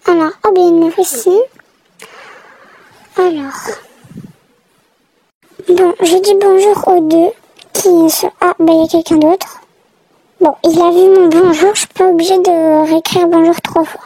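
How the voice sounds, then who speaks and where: A woman talks through her gameplay in a chatty, exasperated running commentary. Her voice is very high yet mellow in tone. It has a gravelly vocal fry all through. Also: steady tone, a little slow, long pauses, poor audio. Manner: chatty, reacting aloud, exasperated. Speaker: gamer narrating her play. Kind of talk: casual game commentary.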